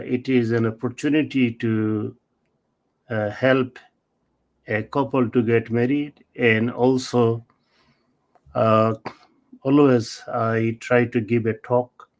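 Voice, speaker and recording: A middle-aged man from Bangladesh, answering interview questions as an author in a measured, halting way with many fillers. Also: medium pitch. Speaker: author and marriage celebrant, interview guest.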